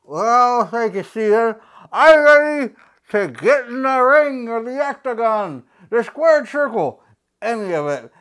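A woman's voice: fairly high pitch, very animated, measured pace, a bit bright. A woman hosting a casual unboxing vlog, talking with a mouthguard in, playful and jokey as she reads instructions aloud. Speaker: unboxing video host.

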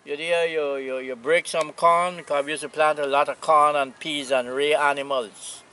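A man in his eighties from Anguilla with a Caribbean accent, reminiscing casually in an unhurried, plainspoken way. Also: a little high, fairly even intonation, sharp tone, clear, resonant tone. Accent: Anguillan Caribbean English. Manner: unhurried, plainspoken old seaman's talk with pauses. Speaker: retired sea captain, interviewee. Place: outdoors on a seaside hillside. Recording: outdoor camera audio with noise.

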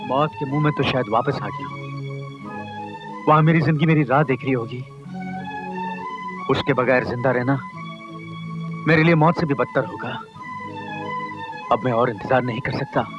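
A man's voice: medium pitch, wildly swooping pitch, moderate pace, long pauses. A man playing a lovesick, desperate young lover, anguished and earnest, in dramatic film style. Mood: anguished, determined. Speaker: film actor. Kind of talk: dramatic Hindi film acting. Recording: dull old film soundtrack, loud music.

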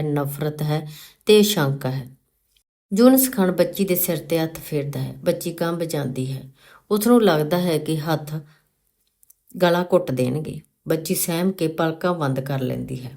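A woman reading a novel aloud as a storyteller, in a slow, deliberate, dramatic way. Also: sits low, mellow. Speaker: story reader.

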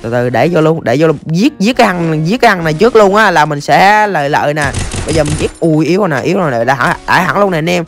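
A game streamer, giving excitable play-by-play commentary to viewers with rapid-fire exclamations. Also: mid-range voice, soft background music. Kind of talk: live gameplay commentary.

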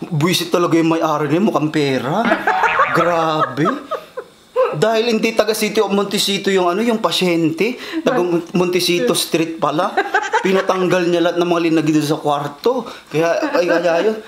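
A man vlogger telling a story in a casual chat, animated and laughing often. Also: high voice, moderate pace, roomy sound, noisy background.

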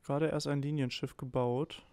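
Slightly sick and a bit hoarse, this man co-hosts a let's play, chatting casually over a strategy game and restarting often as he thinks aloud. His medium-pitched voice is flat, dark and clean at normal speed, recorded dry.

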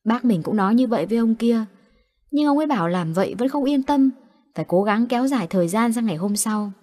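A woman, narrating horror stories in a calm, matter-of-fact way. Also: on the high side, quick pace, dry recording. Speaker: storyteller.

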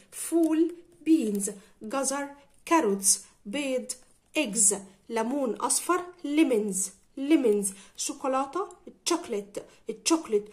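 Woman, Egyptian Arabic accent, English teacher, fairly high voice, slow repeated words, vocabulary drill. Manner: repeats each word slowly and clearly for pupils.

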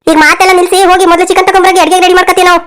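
Voiced by a woman, a bossy young married daughter from a cartoon talks in a brash, dismissive way. Her voice is very high and her delivery is rapid. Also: little pitch movement, a bit bright.

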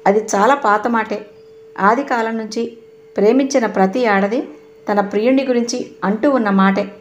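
A woman's voice: fairly high pitch, normal speed, slight background noise, natural voice. A woman narrator voicing a stern, sarcastic young husband who fires accusing questions. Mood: mocking.

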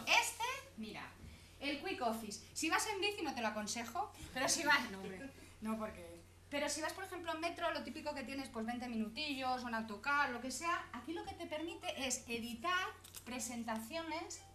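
A woman's voice: high-pitched, bright, forceful tone. A woman giving a chatty, teasing conference talk, constantly checking in with her audience. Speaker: conference presenter. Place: conference hall. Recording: echoey conference hall, faint hum.

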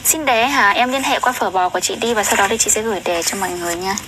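A young woman tutoring Japanese on a livestream, chatty and often asking viewers questions, reading sentences slowly. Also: mid-range voice, heavy background noise. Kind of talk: casual livestream lesson.

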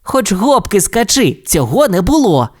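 An excitable young race car who can't believe his friend's stories, voiced by a male narrator. The voice rides very high with big leaps in pitch. Every line sounds doubtful and protesting, straight out of a children's audio tale. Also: a little slow, heavily acted. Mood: skeptical. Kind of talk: storybook character voice.

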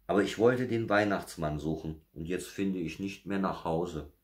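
A man's voice: sits low, normal speed, pitched above the performer's own voice, lightly acted. A man voicing a timid, curious little bear cub with a raised, anxious voice. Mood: eager. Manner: raised, wide-eyed and anxious.

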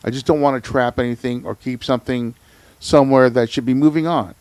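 A man's voice: mid-range voice, steady tone, brisk, a little mellow, no echo. A man hosting a podcast, telling stories in a laid-back, slangy casual chat. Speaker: podcast host.

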